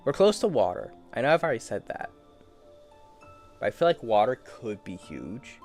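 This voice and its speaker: A man's voice: mid-range voice, wildly swooping pitch, moderate pace, darkish tone, faint music behind. A man giving casual solo commentary while he plays a game, rambling to himself in a playful, easily amused way. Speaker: gaming streamer.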